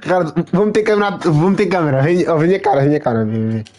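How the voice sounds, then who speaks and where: A young man with a European Portuguese accent, live-streaming a football game in excitable, trash-talking casual chatter that repeats itself. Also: fairly high pitch, quick pace. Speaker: gaming streamer.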